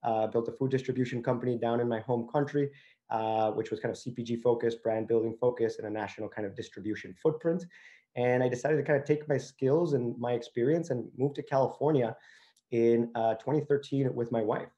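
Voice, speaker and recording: On a panel, a company founder from Venezuela talks in a conversational way, often hedging with fillers like "you know" and "kind of." His medium-pitched voice is mellow, fairly quick, and fairly even in intonation, and the audio is dull.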